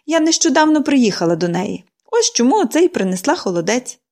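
A woman doing a chatty little girl in a storybook, eager and bubbly, with a high voice that leaps up and down as she gushes. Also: very animated, brisk, darkish tone, full character voice.

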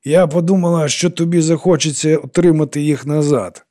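A man reading an audiobook and voicing an older woman with arthritic hands who speaks in a measured, firm tone. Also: a little high, fairly even intonation, dark tone, no echo, studio quality, pitched above the performer's own voice, lightly acted. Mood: firm, quiet. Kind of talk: audiobook character voice.

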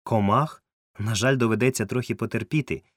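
A man's voice: medium pitch, fairly quick, no room sound, close to an everyday voice. A man voicing a good-humoured ship captain with a dry, wry wit, recorded close and dry. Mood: wry, amused. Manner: wry, joking, calm.

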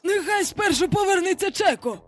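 A woman's voice: extremely high pitch, animated, normal speed, faint music behind, pitched above the performer's own voice. A woman narrator voicing a stubborn male pirate who grumbles and refuses orders defiantly.

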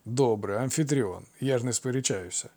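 A man reading aloud and voicing a wise old centaur teacher who talks in a calm, mock-stern, patient way. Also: medium pitch, normal speed, natural voice.

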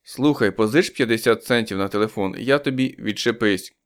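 A man's voice: on the low side, moderate pace, close to an everyday voice. A man doing a coarse, mocking cop. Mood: contemptuous. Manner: coarse, contemptuous. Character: rude, mocking middle-aged policeman.

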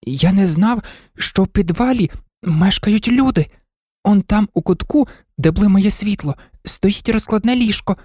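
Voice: medium pitch, measured pace, dark tone, no echo, clean studio sound, pitched above the performer's own voice, close to an everyday voice. A narrator voicing a small, clever rag toy dog who pleads earnestly in a storybook. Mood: explaining. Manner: earnest, imploring.

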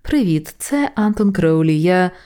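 A woman reading a storybook voices a relaxed, drawling male demon speaking on an answering machine. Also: fairly low pitch, unhurried. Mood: laid-back.

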